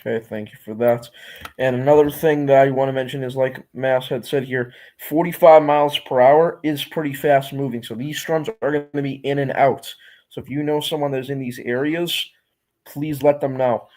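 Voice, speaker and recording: Male livestream weather host, mid-pitched, unscripted storm-tracking commentary, instructive and repetitive. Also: fairly even intonation, moderate pace, darkish tone.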